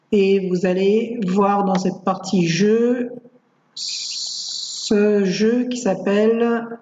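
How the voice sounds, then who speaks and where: A woman's voice: medium pitch, slight background noise. Patient teacher woman in a roomy room. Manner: calm, patient, hesitant with many fillers. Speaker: primary school teacher. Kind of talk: explaining worksheets in a screencast. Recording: roomy, dull lo-fi home recording.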